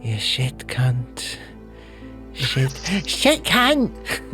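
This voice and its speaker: A man playing a female moon goddess in a tabletop game, calling out slowly in a muffled, distant voice, as if heard through a wall. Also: medium pitch, huge pitch swings, bright, forceful tone, faint music behind, pitched above the performer's own voice, heavily acted. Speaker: game master.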